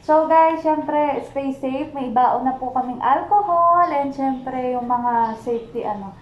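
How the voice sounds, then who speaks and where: A woman's voice: high-pitched, slow, lo-fi sound. A young woman hosting a casual vlog, chatty with sing-song greetings and frequent laughter, recorded while out commuting. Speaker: vlogger host. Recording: phone vlog with vehicle noise.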